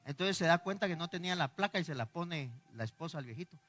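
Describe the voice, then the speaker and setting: A man's voice: on the high side, quick pace. A middle-aged man with a Guatemalan accent, a pastor preaching a sermon full of personal stories and acted-out dialogue. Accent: Guatemalan Spanish. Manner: animated storyteller acting out dialogue, laughing. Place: church hall. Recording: echoey church hall.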